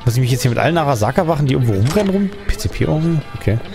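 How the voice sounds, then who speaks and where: A man narrates his own video game session in a loose, thinking-aloud way. He wanders between thoughts and often ends with a questioning tag. Quiet game music plays faintly behind his voice. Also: a little high, expressive, very fast, vocal fry. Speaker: let's play gamer. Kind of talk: casual gameplay commentary.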